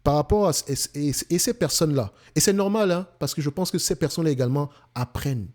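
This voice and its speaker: A man's voice: a little high, quick pace, a little mellow. A man with a Cameroonian French accent, hosting an investing channel in an emphatic casual monologue, often restarting and repeating himself.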